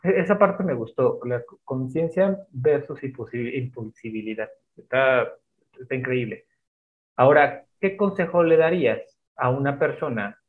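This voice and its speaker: A man's voice: mid-range voice, lively intonation, normal speed. A man hosting an interview, asking questions hesitantly with many restarts. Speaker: interview host. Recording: thin phone-like audio.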